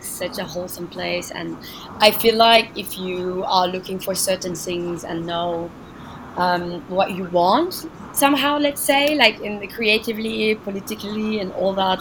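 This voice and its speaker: A woman's voice: fairly low pitch, background noise. Thoughtful young woman from Senegal. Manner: thoughtful, many fillers and restarts. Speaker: guest artist. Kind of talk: casual interview.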